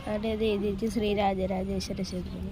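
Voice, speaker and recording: A woman vlogging outdoors at a temple, chatting to her viewers and calling them "guys" as she points things out. Her voice sits at a medium pitch. Steady background noise and passing traffic run under her speech. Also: a little fast. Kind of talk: casual travel vlog narration.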